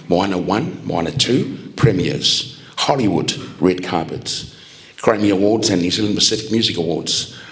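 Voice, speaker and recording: A man working as an event MC, reading formal introductions haltingly, with hesitations and restarts. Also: sits low, fairly bright tone. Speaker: event MC introducing pageant judges. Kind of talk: formal scripted announcing.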